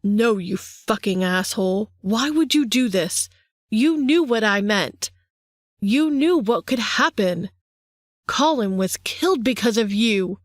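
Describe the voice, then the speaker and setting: A woman's voice: a little high, animated, takes it slowly, dry recording, studio quality. A woman voicing a young vampire man pleading with his brother in an audiobook. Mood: distraught.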